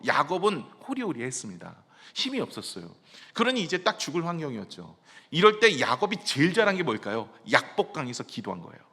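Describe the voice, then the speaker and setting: Asking his congregation questions and then answering them himself, a male pastor preaches in a church sanctuary. His slightly high voice is gravelly, pushed and bright, a bit rough, with long church hall reverb around it.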